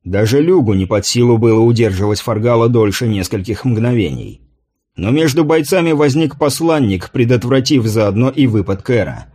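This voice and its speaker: A man reading a novel aloud as an audiobook narrator, in a measured, even manner. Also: mid-range voice, husky. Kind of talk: scripted narration.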